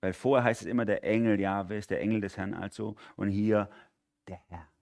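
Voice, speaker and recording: A man preaching a sermon in an animated way, moving between loud emphasis and quiet intensity and often asking listeners to agree with him. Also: lowish voice, a little fast, vocal fry, no room sound, clean studio sound. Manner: asks listeners for agreement with a spoken tag.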